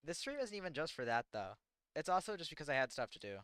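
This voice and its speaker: This teen from the United States talks fast and very animatedly, his pitch on the high side and his tone fairly bright, clear, and resonant. The studio recording is dry and clean. He's rambling through chat questions on a livestream, full of fillers and putting himself down.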